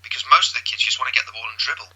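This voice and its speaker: A man's voice: mid-range voice, very fast, bright, forceful tone, husky, highs cut off. A man with an English accent, a football coach explaining his views earnestly and thoughtfully in an interview.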